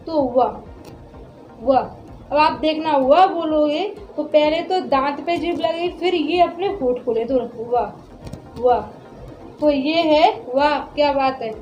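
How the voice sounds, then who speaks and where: A woman's voice: sits high, a little mellow, roomy sound, highs cut off, a little hiss or hum. A woman teaching Hindi pronunciation, sounding out syllables one by one and answering her own questions. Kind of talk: classroom lesson on pronunciation.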